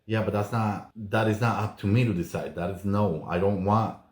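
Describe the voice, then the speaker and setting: Guy with a lowish voice doing a chatty reality show recap, echoey room, kinda exclaims and acts stuff out. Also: fairly even intonation, normal speed, darkish tone. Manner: chatty, exclaiming, acting out others' remarks. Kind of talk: casual recap commentary.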